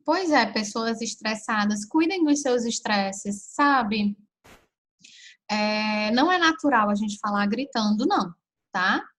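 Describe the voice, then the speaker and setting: A woman with a somewhat high voice runs a relaxed parenting live stream, answering viewers' questions and offering practical advice. She talks slowly in a chatty way, often speaking straight to her listeners.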